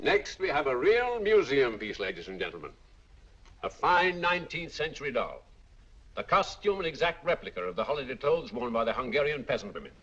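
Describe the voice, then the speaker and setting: A showy auctioneer on an old film soundtrack. His pitch sits a touch high and swings around in a lively way as he coaxes the room. The sound is dull. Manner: showy sales patter, coaxing. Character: patter-spinning male auctioneer.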